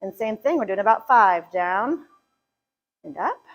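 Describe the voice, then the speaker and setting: A woman with a mid-range voice and lively intonation leads a live chair yoga class at an unhurried pace, upbeat and joking as she counts reps and occasionally gets a bit breathless. The audio quality is poor.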